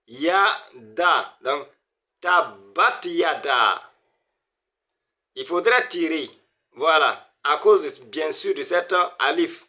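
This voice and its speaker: A man's voice: a little high, animated, slow, pushed and bright. A man teaching a beginner Arabic reading lesson, sounding out words syllable by syllable and repeating them. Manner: greets viewers as brothers and sisters.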